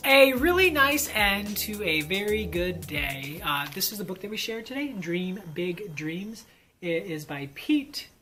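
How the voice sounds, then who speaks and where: A fifth-grade teacher chats casually and enthusiastically in a vlog, rambling with lots of fillers. His voice is high, bright and pushed, with lively intonation at a measured pace, and soft music plays in the background.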